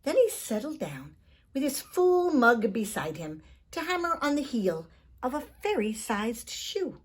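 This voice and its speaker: Reading a children's book with theatrical flair, this woman storyteller drops into hushed asides meant for the listener. She speaks unhurriedly in a slightly high, sing-song voice that has a breathy edge.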